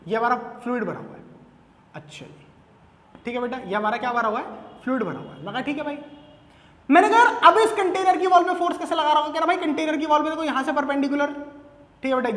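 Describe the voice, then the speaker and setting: High, playful male teacher lecturing in an echoey classroom, chatty and repetitive. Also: fairly bright tone. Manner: acts out dialogues with students. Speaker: physics teacher. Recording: echoey room with long reverb.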